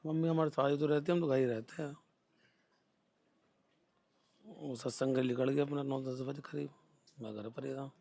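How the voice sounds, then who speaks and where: A man's voice: mid-range voice, steady tone, normal speed, gravelly, long pauses, darkish tone, no echo. A man answering a reporter's questions, faltering and repeating himself. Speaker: interviewee, son. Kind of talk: field interview answers.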